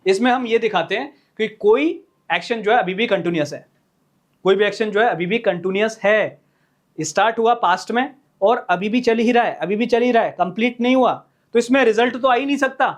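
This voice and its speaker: A male teacher walks through a grammar lesson at the board, repeating himself and checking in with his students after nearly every point. He slows down as he writes out example sentences and calls his viewers friends. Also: sits high. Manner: repetitive, checks in with "clear hai na?"; slows down while writing examples. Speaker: English teacher.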